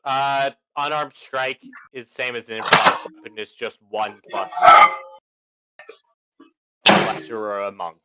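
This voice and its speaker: A man's voice: mid-range voice, a little slow, pauses often, heavy background noise. A man playing a tabletop game, dry and precise about the rules. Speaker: player. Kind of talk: casual tabletop game chat.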